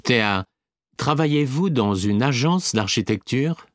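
Polite interviewer voiced by a man, slow, lively rising questions, dry close sound. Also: medium pitch, no room sound, natural voice. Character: adult male interviewer, polite and curious. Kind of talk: scripted exam listening dialogue.

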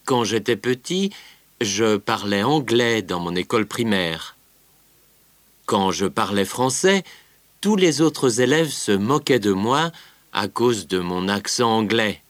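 A man playing an easygoing teenage boy with an English mother and a French father, speaking slowly and clearly for a language course. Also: on the low side, animated, dry recording. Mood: relaxed. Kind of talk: scripted language-course recording.

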